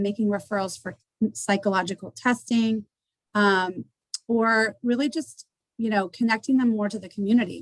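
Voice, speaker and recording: A woman's voice: mid-range voice, no room sound, rough recording. Brief: woman presenting at a forum, hesitant and full of ums, dry close sound. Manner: hesitant, many ums and restarts. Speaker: community agency representative. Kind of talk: panel presentation. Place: indoor meeting.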